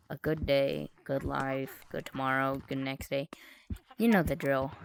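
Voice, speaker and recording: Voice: mid-range voice, vocal fry. A young VR gaming creator giving a casual, rambling tour of a game, full of fillers and restarts, talking through a headset mic while sitting on the floor at home. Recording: loud background noise.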